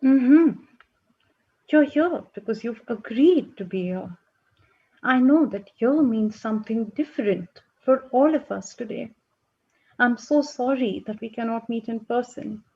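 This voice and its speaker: An actress playing a calm group counsellor who speaks in a gentle, measured way and murmurs encouragement. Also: female voice, on the high side, gravelly, slightly rough, highs cut off, exaggerated voice.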